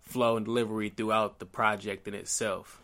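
A young man co-hosting a podcast, speaking slowly and thoughtfully with lots of fillers. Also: fairly low pitch, flat delivery, pushed and bright. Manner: slow, thoughtful, many fillers. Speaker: podcast co-host. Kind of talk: casual chat.

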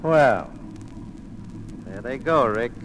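An actor playing a suave, cynical police captain in a 1940s radio drama, urbane and droll. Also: male voice, mid-range voice, animated, very slow. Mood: wry. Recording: noisy old radio drama recording.

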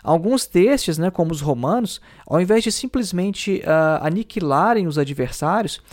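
A man's voice: high-pitched, expressive, normal speed, a little mellow. A man explaining philosophy in a lecture, thinking aloud with many fillers and tag questions. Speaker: teacher.

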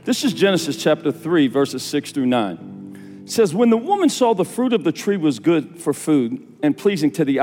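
Energetic pastor preaching in a reverberant hall. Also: male voice, medium pitch. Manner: animated, repeats phrases, calls for congregation responses. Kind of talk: sermon. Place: church sanctuary. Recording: long hall reverb with faint music.

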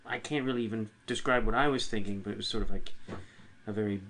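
A man interviewing a guest in casual conversation, asking probing questions in a halting way. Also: on the low side, fairly bright tone, rough recording.

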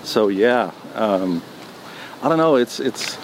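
A man answering interview questions in a relaxed, hesitant way, with many ums and restarts. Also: fairly low pitch, slow. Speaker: music producer guest. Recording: noisy background.

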